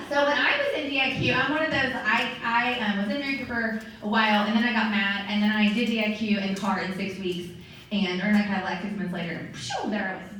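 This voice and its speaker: A woman gives a lively, chatty motivational talk to a room of sales directors. She sits at a middle pitch and is picked up by a distant mic. The hall around her is very echoey, with a faint hum of noise underneath. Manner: lively, chatty, acts out quoted voices.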